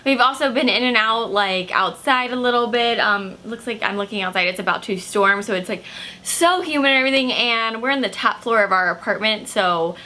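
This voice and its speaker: A young woman talking casually to her camera, pitched a little high with a bright, forward tone. She rambles in a relaxed, chatty way, dropping plenty of "like"s as she checks in with viewers. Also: fairly quick. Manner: chatty, filler-heavy with many "like"s. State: slightly hoarse, just woken from a nap. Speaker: makeup vlogger. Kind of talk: casual video check-ins.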